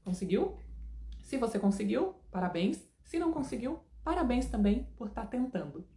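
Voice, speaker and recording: A woman's voice: a little high, very animated, moderate pace, warm tone, echoey room. A woman teaching an English lesson in a casual, chatty way, often checking in with her students.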